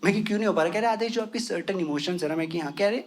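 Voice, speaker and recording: A man's voice: high voice, very fast. A young man doing stand-up comedy with a western Uttar Pradesh accent, crude and full of swearing, mixing English into his talk. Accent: western Uttar Pradesh Hindi. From western Uttar Pradesh, India. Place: comedy stage with a laughing audience.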